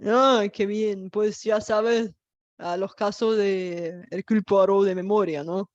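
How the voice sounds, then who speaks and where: Hesitant Bulgarian woman, slow and dry. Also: medium pitch, fairly even intonation, dry recording, muffled recording. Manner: hesitant, many fillers while searching for words. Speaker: host. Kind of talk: casual multilingual conversation.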